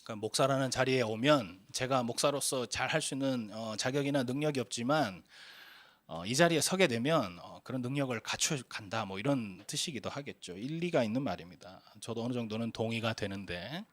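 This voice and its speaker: A male pastor in his forties delivers a sermon in an earnest, storytelling manner, often pausing on hesitant fillers. His voice sits in an ordinary middle register. The sound is dry and close, with no room echo. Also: medium pitch.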